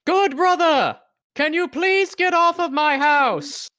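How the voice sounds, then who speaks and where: A man playing an indignant, demanding adventurer who shouts in a tabletop game. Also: high-pitched, wildly swooping pitch, fairly quick, pitched above the performer's own voice, heavily acted. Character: indignant adventurer shouting to defend their house.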